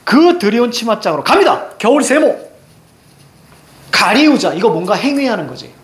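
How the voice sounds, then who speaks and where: A male teacher giving an online lesson, energetic, drilling his students with the same short questions again and again. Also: very high-pitched, moderate pace. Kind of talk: online lecture.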